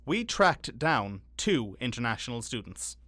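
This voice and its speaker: A man's voice: mid-range voice, big pitch swings, measured pace, sharp tone, no room sound. A man reading scripted news narration and interview questions as a reporter.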